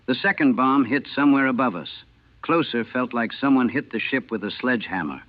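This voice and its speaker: A man's voice: mid-range voice, lively intonation, no echo. A former navy cook recounting his war memories in terse, clipped fragments, heard on an old 1940s recording. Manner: terse, clipped sentence fragments, measured and grave. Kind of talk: personal war memoir told in first person. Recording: tinny, narrow-band, dry old 1940s recording.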